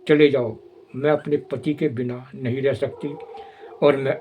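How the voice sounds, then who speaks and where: A man's voice: medium pitch, fairly even intonation, a little slow, phone-quality sound, slight background noise, close to an everyday voice. Man reading as a desperate young wife. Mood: angry.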